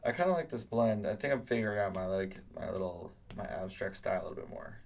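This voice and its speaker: A man's voice: low voice, expressive, fast talker, gravelly. A young man teaching art, chatting loosely while he draws and answers live chat comments. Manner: rambling, with many fillers, reads out chat comments. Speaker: art teacher hosting a live drawing stream. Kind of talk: casual live-stream chat while drawing.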